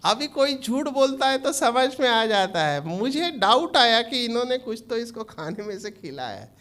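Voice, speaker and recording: A man's voice: very high-pitched, big pitch swings, normal speed, fairly bright tone. A man who is a doctor giving an informal training lecture, often quizzing his audience with questions.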